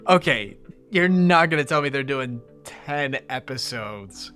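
A man co-hosting a casual comedy podcast, reacting with exasperation and bursts of excitement. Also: mid-range voice, a little slow, soft background music. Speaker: podcast co-host.

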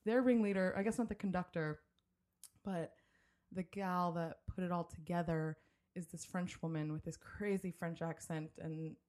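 Chatty woman host, rambling and low. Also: fairly even intonation, normal speed, darkish tone. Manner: rambling, chatty, many fillers and restarts. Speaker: podcast host. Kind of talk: casual chat. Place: home studio, drinking with a guest.

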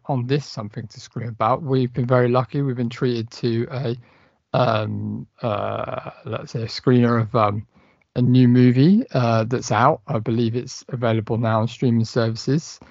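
A mid-pitched man with a gravelly voice chats about films in a rambling, filler-heavy way and swears now and then. The sound is dry and close but slightly dull. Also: fairly even intonation, normal speed, dry recording. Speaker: podcast co-host. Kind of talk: casual chat.

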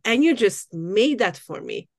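A woman's voice: a little high, animated, measured pace, no echo. A woman hosts a casual interview with an eager, friendly manner. She speaks non-native English and often restarts her sentences. Her voice is recorded dry and close. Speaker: podcast host.

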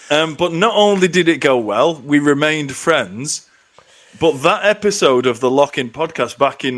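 A man's voice: fairly high pitch, fairly bright tone. A middle-aged man co-hosting a podcast in casual chat, sweary and self-deprecating. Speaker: podcast co-host.

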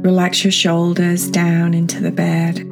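A woman guiding a children's meditation as a podcast host, speaking in a soft, soothing, breathy manner. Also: lowish voice, monotone, unhurried. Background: new-age music.

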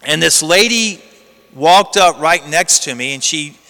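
A man's voice: fairly high pitch, animated, measured pace, sharp tone. A man, a priest, reading the gospel and giving an earnest storytelling homily, his voice carrying a cathedral echo. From United States. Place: large church. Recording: long church reverb.

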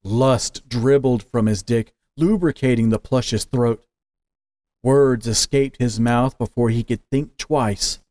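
A male storyteller reading a scripted story at a very unhurried, deliberate pace. His voice is mid-pitched and steady. The recording is dry and close, with no room sound. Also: no room sound. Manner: slow, measured, deliberate. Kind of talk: scripted narration of an audio story.

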